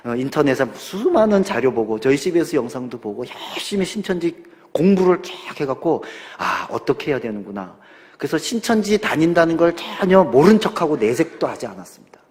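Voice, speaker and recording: A man preaching a sermon as a pastor, telling a story with dramatic voice changes and dropping at times to a near-whisper. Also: medium pitch. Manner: dramatic storytelling, acting out quoted parents and son; swings from loud exhortation to near-whisper. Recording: long hall reverb.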